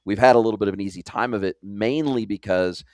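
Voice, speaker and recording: A podcast host from California who later spent many years in New Zealand talks in an effusive, chatty, conversational way during an interview, his accent mixing American and New Zealand. His fairly low, slightly mellow voice is fast, recorded dry with clean studio sound.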